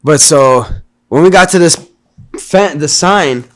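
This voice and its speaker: A man's voice: fairly high pitch, measured pace, fairly bright tone. A man in a casual chat, recounting a hike in slangy, filler-heavy speech. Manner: slangy, filler-heavy, says "bro" and "you know". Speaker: hiker recounting a climb.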